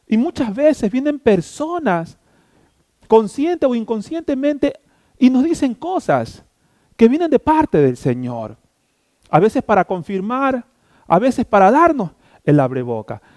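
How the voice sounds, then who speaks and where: Middle-aged Ecuadorian pastor preaching, high voice with big swings, mellow tone. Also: male voice, takes it slowly, no echo. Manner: animated storytelling, acting out scenes. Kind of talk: sermon.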